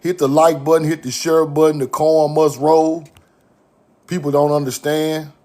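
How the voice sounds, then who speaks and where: Man, young, high gravelly voice, preachy catchphrase-heavy delivery to his chat. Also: flat delivery, normal speed, warm tone. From Mississippi, USA. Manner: repetitive catchphrases, preachy and emphatic. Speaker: online video host. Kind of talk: casual talk to a live-chat audience.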